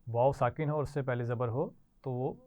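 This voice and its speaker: A woman teaching Quran recitation to children, modelling each word slowly for the class to repeat. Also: rumbling low, fairly even intonation, a little mellow. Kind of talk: slow call-and-response recitation lesson. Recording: tinny lo-fi online class audio.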